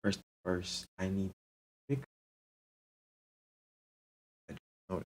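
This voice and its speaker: A man streaming casually with halting speech, his faulty mic cutting out so words drop in and out. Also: deep voice. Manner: halting, breaks off mid-thought. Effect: faulty mic cutting out, words dropping in and out. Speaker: streamer organizing a game tournament. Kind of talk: casual live-stream chat. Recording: crackly cutting-out microphone.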